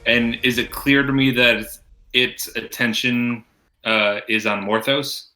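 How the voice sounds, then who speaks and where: A man's voice: medium pitch, steady tone, measured pace, sharp tone, faint music behind, poor audio. A man playing a tabletop game, easygoing and slangy, thinking aloud about his move. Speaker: player. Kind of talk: casual chat at a tabletop game.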